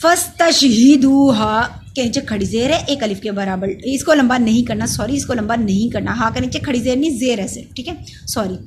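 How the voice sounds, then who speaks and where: A woman with a high voice gives a patient recitation lesson. She stretches each verse word out in a slow, loud chant, then drops into a plain explaining tone. A faint hiss runs under the recording. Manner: self-correcting, says sorry. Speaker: Quran recitation teacher. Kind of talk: step-by-step tajweed lesson.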